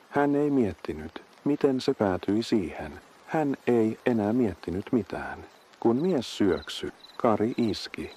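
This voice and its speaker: Guy narrating a horror story, low mellow voice, steady and even. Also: slight background noise. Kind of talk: scripted narration.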